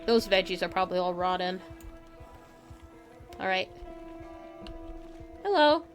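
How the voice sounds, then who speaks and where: A woman's expressive mid-range voice moves slowly, with faint music behind it. She's a game streamer hosting live gameplay, commenting casually and playfully as she talks to herself and her chat.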